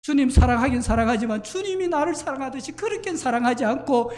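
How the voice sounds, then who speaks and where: A male pastor preaching a sermon in an animated, emphatic way, at times raising his voice to a shout. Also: very high voice, quick pace.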